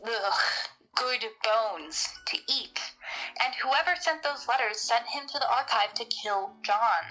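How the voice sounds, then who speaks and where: A fairly high, bright-voiced woman speaks slowly yet animatedly, matter-of-fact in tone, on a low-quality recording with background music. She's a podcast panelist playing a researcher in a semi-improvised in-character talk about a horror audio drama.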